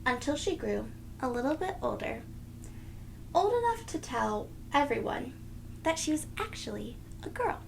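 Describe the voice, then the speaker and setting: A woman, storyteller-style, reads a children's picture book aloud in a deliberate, teacherly, sing-song way for young listeners. Her high-pitched voice is very animated with some vocal fry. The recording is low quality, with a little hiss or hum.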